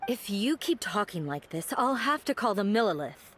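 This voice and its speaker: A woman's voice: mid-range voice, sing-song, normal speed, a little hiss or hum, lightly acted. An actress playing an uneasy townswoman in a video game, polite but guarded and firm. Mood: wary, firm. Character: uneasy, firmly polite townswoman refusing a sales pitch.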